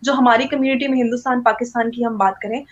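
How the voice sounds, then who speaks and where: A woman's voice: fairly high pitch, fairly even intonation, fast talker, highs cut off. A woman from India, speaking as an interview guest in an earnest, explaining way. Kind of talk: casual interview talk.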